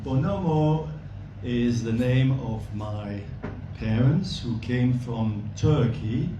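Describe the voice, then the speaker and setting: Older man, unhurried, warm speaker at a dinner; roomy, distant and noisy. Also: mid-range voice, lively intonation, lo-fi sound. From Belgium. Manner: slow and friendly, chuckles softly. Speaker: volunteer bike instructor. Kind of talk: speech at a gala dinner. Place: banquet hall. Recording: echoey hall, mic far off, noisy.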